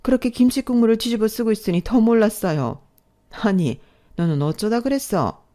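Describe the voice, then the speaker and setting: A woman voicing a rich, sharp-tongued older mother-in-law in a haughty, scornful manner, read as storybook dialogue. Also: on the high side, animated, normal speed, natural voice. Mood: amused, mocking.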